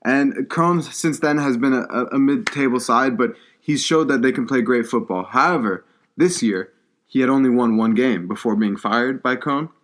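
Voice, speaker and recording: A man's voice: medium pitch, normal speed, fairly bright tone. A young man co-hosting a podcast, chatting casually about sports and often repeating words as he restarts his sentences. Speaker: podcast co-host.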